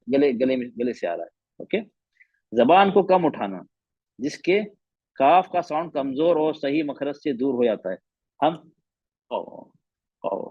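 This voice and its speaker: A man's voice: mid-range voice, dry recording, muffled recording. A man teaching a Quran recitation class online, patiently repeating letter sounds to demonstrate them.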